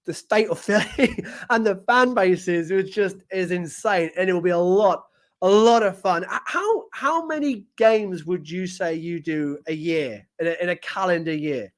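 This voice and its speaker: A British podcast host interviews a guest casually in a high, unhurried voice. He's enthusiastic, laughs often, repeats words and frequently restarts phrases.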